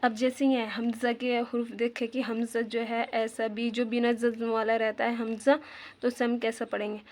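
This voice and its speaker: A woman teaches Quran recitation in a patient, step-by-step way. Her voice sits a little high but stays on an even, narrow melody. She keeps repeating key terms and quizzing her listeners. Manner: patient, repeats terms and asks questions back to viewers; slows down to demonstrate Arabic sounds. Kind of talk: tajweed lesson.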